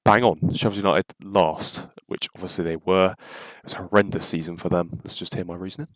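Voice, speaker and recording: A low-pitched man talks through his own old predictions in a loose, chatty way. He fills his speech with ums and restarts. His voice is nasal and stuffy from a cold, and the recording is close and dry with no room sound. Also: fairly even intonation, fairly quick, no echo. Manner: chatty and loose, with many ums and self-corrections. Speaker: YouTuber reacting to his own old video. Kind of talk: casual reaction commentary.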